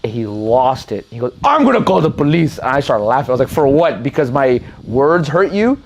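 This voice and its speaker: A man's voice: medium pitch, moderate pace, slight background noise. A man co-hosting a casual chat, telling stories bluntly and with plenty of swearing. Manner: blunt, profane, animated storyteller. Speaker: podcast co-host.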